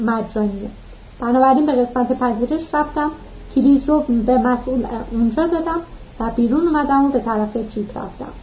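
A woman narrating a novel as an audiobook, in a steady, even reading manner, in a dull lo-fi recording. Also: high-pitched.

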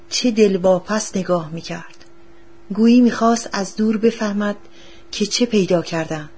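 A woman narrating a story in a calm, measured reading voice, with a husky tone. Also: mid-range voice.

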